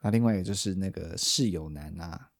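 A man's voice: low-pitched, fairly quick. A man with a Taiwanese Mandarin accent, a podcast host in casual chat who explains at length and often restarts his sentences.

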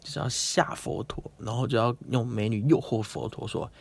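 A man's voice: mid-range voice, steady tone, moderate pace, vocal fry, slightly rough. A man hosting a casual, playful explainer talk, chatting and acting out quotes. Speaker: host.

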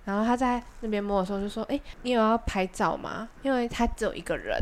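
Young female podcast co-host with a Taiwanese Mandarin accent; mid-pitched, chatty storyteller. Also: fast talker, slight background noise. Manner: chatty, animated anecdote telling with quoted dialogue. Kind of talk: casual chat, storytelling.

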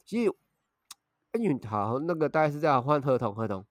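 Animated man with a lively voice. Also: medium pitch, fairly quick, no echo. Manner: animated, uses crude slang. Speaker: podcast co-host. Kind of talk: casual storytelling chat.

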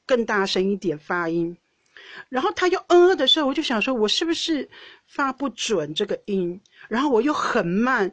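A woman's voice: medium pitch, no echo. Chatty Taiwanese-accented woman telling a story. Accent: Taiwanese Mandarin. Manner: chatty, frequent self-restarts and small laughs. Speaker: podcast host. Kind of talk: casual storytelling monologue.

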